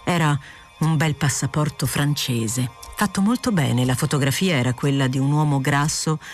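A woman narrating a literary novel aloud in a steady, clear, unhurried audiobook reading. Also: low voice, faint music behind. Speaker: audiobook reader.

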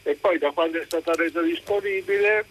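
Radio phone-in caller: man from northern Italy, slightly husky, polite and earnest, sound of a phone line. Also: a little high, fairly quick. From Trentino, northern Italy. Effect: caller heard over a phone line. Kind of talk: polite phone-in question to the host.

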